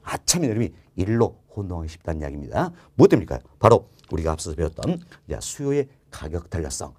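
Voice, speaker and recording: A man's voice: low-pitched, big pitch swings, fast, darkish tone, breathy edge. A man teaching an exam-prep lecture. He keeps asking his students rhetorical questions, repeats key terms, and stretches out the words he wants to stress. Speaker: real estate exam instructor. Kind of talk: recorded online lecture.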